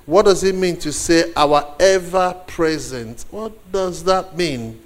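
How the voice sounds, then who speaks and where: His voice sits a little high, and his Nigerian accent reflects his eastern Nigerian roots as a native Igbo speaker. Invited as a guest, he preaches a sermon to the congregation deliberately, with pauses and repeated phrases for emphasis.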